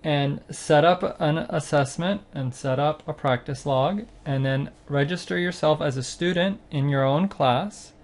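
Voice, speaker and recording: A man with a medium-pitched voice narrates a screencast tutorial as the site's instructor, demonstrating software. He walks through a music training website step by step in a plain, unhurried manner, with the occasional filler.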